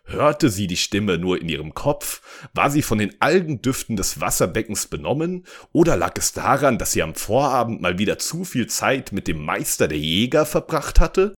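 A man, a podcast host, reading a parody fairy tale with animated narration and deadpan asides. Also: lowish voice, moderate pace, hardly any pauses.

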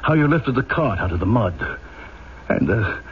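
Casting: male actor as unbending French police inspector, radio drama, measured and formal, self-condemning; muffled, noisy vintage sound. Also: mid-range voice, animated, lightly acted. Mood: grave, reporting. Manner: formal, emphatic, deliberate, self-accusing. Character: stern, rigidly honourable French police inspector confessing a fault. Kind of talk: old-time radio drama acting.

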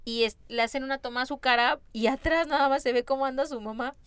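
A woman with a Mexican accent in a casual movie chat, expressive and full of slang. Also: high-pitched, fast, smooth, no room sound. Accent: Mexican Spanish. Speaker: podcast co-host.

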